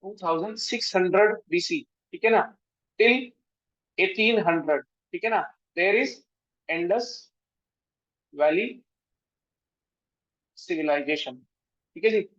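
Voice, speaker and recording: A man's voice: high-pitched, slow, long pauses, a bit bright. A man with an Indian accent giving a history lecture for exam prep, switching between Hindi and English and often checking in with his students. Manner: mixes Hindi and English, checks in with frequent tag questions. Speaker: history teacher. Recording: dull, dry lo-fi sound.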